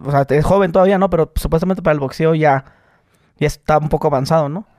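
A man hosting a podcast, asking quick, joking questions in casual chat. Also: fairly high pitch, fairly even intonation, a little mellow, no echo, clean studio sound. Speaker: podcast host.

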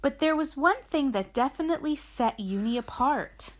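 A woman with a fairly high-pitched voice narrates a children's sleep story. She reads like a mother at bedtime, pausing to explain things in simple words and to encourage a young listener. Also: expressive. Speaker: mother reading a picture book aloud, host. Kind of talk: gentle sleep story narration and chat with her small child.

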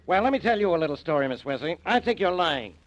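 An actor playing a gruff, blustering, suspicious male police inspector in 1940s radio-drama style, heard as an old radio show broadcast. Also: on the high side, big pitch swings, fast. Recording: dull lo-fi vintage radio recording.

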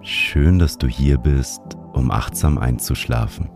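Male sleep story narrator, extremely deep voice, slow pace, gentle, soothing meditation guidance. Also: creaky. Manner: gentle, soothing, unhurried guiding. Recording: music behind the voice. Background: music.

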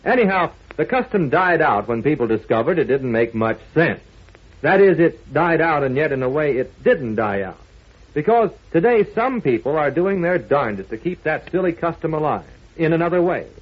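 A man's voice: a little high, sing-song, moderate pace, slightly rough. A man giving a folksy, earnest scripted moral talk as a 1940s radio announcer. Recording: thin, phone-like old radio recording.

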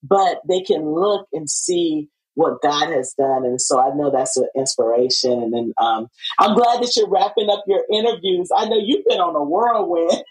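A woman hosting a podcast interview in a casual, conversational way, affirming her guest and feeling her way through sentences haltingly. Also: on the low side, animated, poor audio. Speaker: podcast host.

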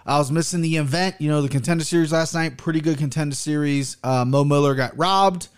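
An American man hosts a casual solo podcast in a brisk, clean voice on the high side. He rambles bluntly, swears now and then, and barely opens his mouth as he talks.

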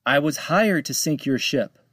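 A man's voice: a little high, expressive, unhurried, fairly bright tone, breathy edge, no echo, clean studio sound, voice pushed up, heavily acted. A man voicing a curt, scheming female pirate captain in a storybook, speaking in short, clipped lines. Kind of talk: storybook read-aloud.

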